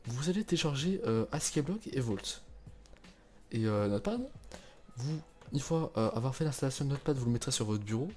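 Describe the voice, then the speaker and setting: A young man talks through a game server setup in a loose, chatty way, stopping and restarting often. His voice is mellow and darkish, at an ordinary pitch. Faint music plays underneath. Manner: chatty, relaxed, lots of fillers and restarts. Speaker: tutorial host. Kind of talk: casual screen-recorded game server tutorial.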